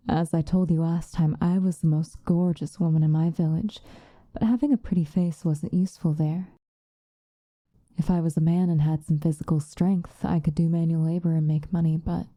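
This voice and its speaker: A woman with a fairly low, natural-sounding voice voices a dark vampire in an intimate ASMR roleplay, confiding in a seductive hush. She speaks softly and breathily, unhurried, often fading to a whisper. The miking is close and dry, without any room sound.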